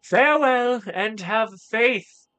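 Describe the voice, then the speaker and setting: A man putting on the voice of a kindly old grandmotherly snail woman in a video game, talking slowly and tenderly. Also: extremely high pitch, expressive, bright, forceful tone, clean tone, voice pushed up, exaggerated voice. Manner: slow, tender, drawn-out grandma voice.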